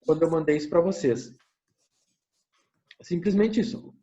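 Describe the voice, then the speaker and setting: A man's voice: fairly high pitch, moderate pace, dark tone, highs cut off. A man with a Brazilian Portuguese accent teaching an online class, explaining step by step, thinking aloud and often checking in with his listeners. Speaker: university lecturer. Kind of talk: online lecture with screen sharing.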